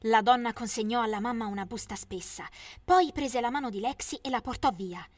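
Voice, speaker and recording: A woman giving scripted first-person storybook narration in a steady storytelling manner. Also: fairly high pitch, brisk, dry recording.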